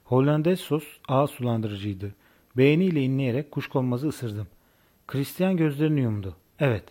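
A man calmly narrating a first-person novel for an audiobook. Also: medium pitch, normal speed.

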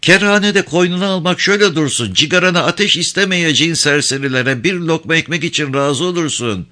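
A man's voice: fairly high pitch, a little fast, pushed and bright, voice pushed up. A man reading a novel aloud, voicing a worldly, outspoken woman who talks bluntly. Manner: blunt, unabashed and mocking. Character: brash, worldly woman, a seasoned streetwalker.

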